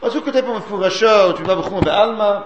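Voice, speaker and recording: A man's voice: high-pitched, reverberant, muffled recording, noisy background. A man giving a Talmudic study lecture, explaining sources and chanting the quoted texts.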